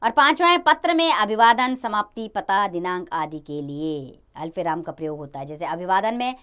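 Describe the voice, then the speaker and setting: A woman teaching a grammar lesson to children, lively, stressing key words and dropping low at the ends of sentences. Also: moderate pace, clear, resonant tone.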